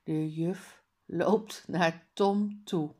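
Very slow, carefully spelling-out woman reader. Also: on the low side, steady tone, dark tone. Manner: slow, exaggerated word-by-word articulation. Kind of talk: reading a children's book aloud.

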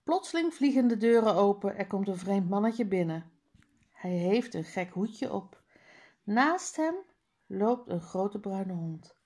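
A woman's voice: medium pitch, animated, a little slow, darkish tone. A woman reading a children's book aloud page by page, with careful word drills. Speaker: reader.

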